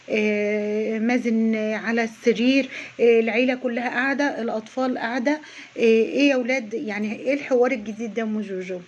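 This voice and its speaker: A woman's voice: on the high side, highs cut off. A woman with an Egyptian accent doing a mocking reaction vlog, chatting straight to her viewers. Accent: Egyptian Arabic. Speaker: YouTube reaction vlogger. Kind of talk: casual sarcastic reaction commentary.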